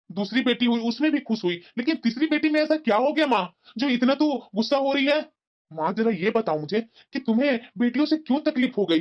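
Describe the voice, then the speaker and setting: A woman's voice: on the high side, muffled recording, natural voice. A woman voicing a caring young husband and son in a cartoon, who argues back in an earnest, reasoning tone.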